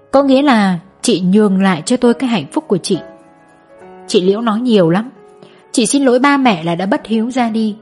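A woman narrating a first-person story in an audiobook, reading in a tender, remorseful and measured way over faint background music. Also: mid-range voice, darkish tone.

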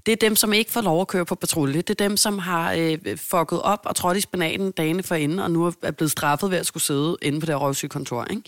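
Woman, Danish accent, lively storyteller, dry close sound. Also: fairly low pitch, few pauses, no room sound. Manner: animated storyteller, acts out quoted people. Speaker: podcast co-host. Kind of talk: casual chat.

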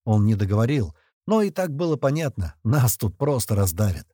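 A man narrating a first-person audiobook in a lively, expressive reading. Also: mid-range voice, normal speed, slightly rough, dry recording, studio quality.

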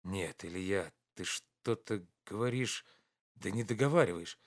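A man voicing an energetic, devoted male friend who pleads in a raised, fast, insistent voice. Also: low-pitched, pitched below the performer's own voice. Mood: urging.

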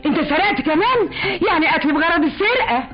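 An actress with an Egyptian accent playing a sharp-tongued wife and lawyer who scolds and threatens her husband in a radio drama. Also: extremely high pitch, animated, quick pace. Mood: scornful. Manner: scolding, threatening, then pleading. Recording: dull old radio recording with music.

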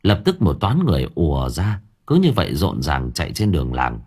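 A man narrating an audiobook story in a lively, expressive way. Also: extremely low pitch, a little fast, slightly rough.

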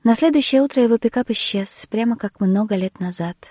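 A woman reading a romance novel aloud in the first person, with measured, intimate storytelling. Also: fairly high pitch, mellow, no room sound, clean studio sound. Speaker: audiobook narrator.

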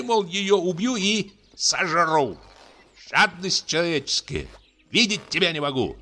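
A man voicing a pompous, sanctimonious landowner gentleman who scolds in a high, drawn-out tenor. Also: heavily acted. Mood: indignant.

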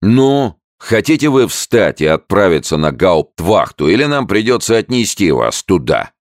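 A man's voice: lowish voice, big pitch swings, normal speed, dry recording, clean studio sound, pitched above the performer's own voice. A bellowing army sergeant, as a man reads him. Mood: commanding. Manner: shouted orders. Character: barking male army sergeant, harsh and bullying.

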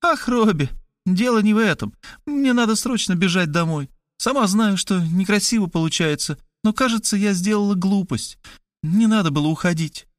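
A man's voice: sits high, normal speed, no echo, clean studio sound, pitched above the performer's own voice, lightly acted. A man reading an audiobook and voicing the narrator's sister, an emotional young woman who talks in a plaintive, sighing, pleading way. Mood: anxious.

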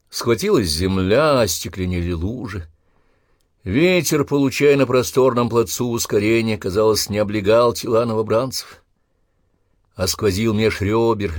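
A man reading a novel aloud as an audiobook narrator, in a steady, expressive way. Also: on the low side, normal speed, no room sound, clean studio sound. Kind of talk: scripted narration.

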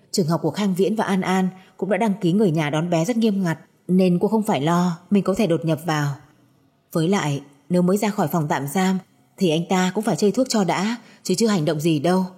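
A woman reads a dramatic family story aloud as a scripted narration, in an even storytelling manner. Her voice is low-pitched and mellow, with a breathy, husky texture.

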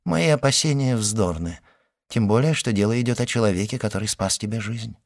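A man voicing a pensive, worried noble mother in an audiobook, speaking softly and hesitantly. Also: lowish voice, brisk, close to an everyday voice. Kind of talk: audiobook character reading.

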